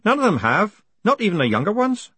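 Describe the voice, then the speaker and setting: A man voicing a brisk young woman with dry wit, explaining patiently. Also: sits high, very animated, sharp tone, breathy edge, no room sound, pitched above the performer's own voice, exaggerated voice.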